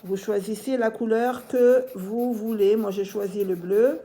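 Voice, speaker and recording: A woman teaching young children to read, slowly and deliberately repeating each syllable and word, gently firm with her pupils. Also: mid-range voice, fairly even intonation. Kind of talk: phonics lesson for young children.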